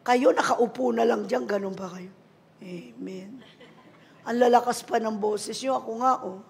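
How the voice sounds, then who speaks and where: A woman's voice: on the high side, measured pace, gravelly. A middle-aged woman pastor with a Filipino accent, preaching a sermon in a mix of languages and calling the congregation to answer amen. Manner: preaching in Taglish, calling for amens.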